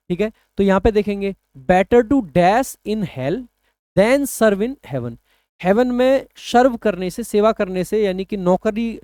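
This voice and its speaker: A man teaching English vocabulary for an exam, explaining patiently and slowing down to read English phrases aloud. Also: high voice, darkish tone, no room sound. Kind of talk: exam-prep lesson.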